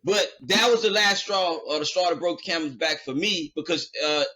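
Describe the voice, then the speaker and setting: Bright-voiced man telling a story. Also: on the high side, normal speed. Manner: animated retelling, acting out quoted dialogue; loose and rambling, with many fillers. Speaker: podcast host. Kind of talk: casual storytelling.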